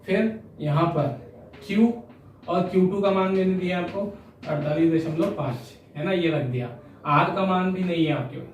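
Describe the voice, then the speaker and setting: A man's voice: on the high side, darkish tone. Man lecturing in an echoey room. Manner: explanatory, asks and answers his own questions, frequent "है ना" tags. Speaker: physics teacher. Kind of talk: classroom lecture. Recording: echoey room, voice a bit distant, faint hiss.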